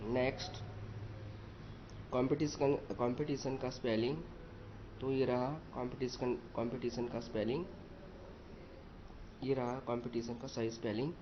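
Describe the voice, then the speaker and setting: A male English teacher, slowly explaining exercises, spelling words letter by letter and repeating each one. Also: medium pitch, little pitch movement. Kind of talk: slow explanatory lesson. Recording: dull lo-fi recording with faint noise.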